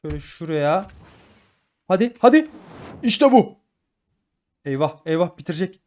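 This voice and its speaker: Talking at normal speed in a voice a little on the high side, a gaming YouTuber narrates live play with excitable energy. He treats viewers as friends and blurts words repeatedly in bursts.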